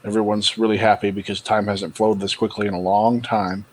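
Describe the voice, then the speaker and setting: A man's voice: on the low side, little pitch movement, fairly quick, slight background noise. A man improvising narration as game master of a tabletop game in a casual style.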